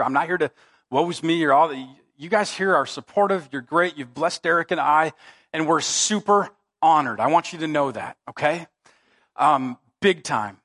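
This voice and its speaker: In a church sanctuary, a middle-aged pastor preaches a sermon in an emphatic yet conversational way. His voice is medium in pitch with a fairly bright tone.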